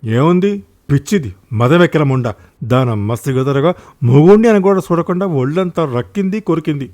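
A man's voice: a little high, expressive, moderate pace, darkish tone, natural voice. A man voicing a coarse bitter husband. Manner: spitting, bitter.

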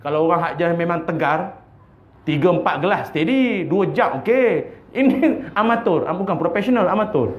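A man's voice: high-pitched, lively intonation, moderate pace, a little hiss or hum. A man with a Malaysian Malay accent giving an evening religious lecture, humorous, laughing often and acting out voices. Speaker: preacher. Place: mosque prayer hall. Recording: echoey dull lo-fi hall recording.

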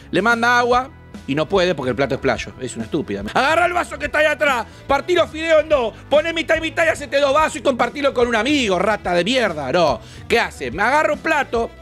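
Crude, mocking Argentine man reacting. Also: high voice. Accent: Argentine Rioplatense. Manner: crude, mocking, swings from shouts to mutters. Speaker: reaction video host. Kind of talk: casual reaction commentary.

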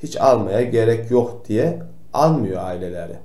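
A man doing a gentle old grandpa doctor. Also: on the low side, expressive, normal speed, natural voice. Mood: gently scolding. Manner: gentle, admonishing, talks straight to the kids. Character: kindly old grandpa doctor scolding noisy kids. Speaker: pretend doctor calling noisy children. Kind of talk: comic role-play for children. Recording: roomy echo.

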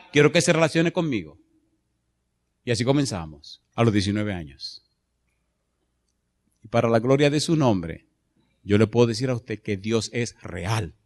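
A middle-aged man pastor preaching a sermon, telling personal stories with passion and swinging from loud bursts to hushed moments. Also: medium pitch.

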